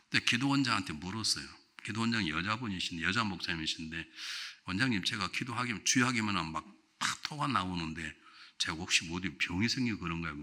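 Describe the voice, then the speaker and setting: An older male revival preacher with a lively, animated voice that swings from loud, ringing exclamations to quiet storytelling. His tone is bright and forceful, and he sits low in pitch. He keeps putting questions to the congregation. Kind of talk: revival sermon. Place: church sanctuary.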